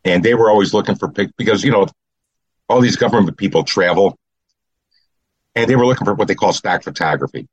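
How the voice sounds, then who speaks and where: Guest voice: older Chicago man, matter-of-fact, deep and dry-sounding. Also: a little fast, long pauses, slightly rough, no echo, dull audio. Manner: plain, matter-of-fact storytelling. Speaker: guest, retired cop and photographer. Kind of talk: casual chat.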